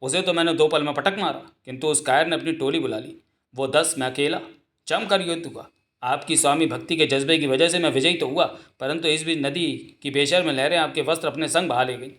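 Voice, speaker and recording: A man's voice: on the high side, fairly quick, a bit bright, natural voice. A man voicing a sly, glib male court servant spinning tall tales in a comic dub. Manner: glib, wheedling.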